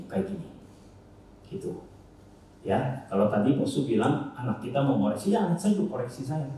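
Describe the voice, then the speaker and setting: Animated man in echoey church hall. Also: medium pitch, recorded from a distance, slight background noise. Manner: addresses audience with frequent tag questions; animated, swings between loud and soft. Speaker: church speaker. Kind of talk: casual church family talk.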